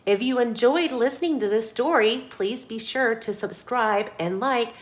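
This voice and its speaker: A slightly high, slightly slow female voice belongs to a storytime host reading a picture book to kids. She performs it expressively and dramatically, turning to her young audience with questions.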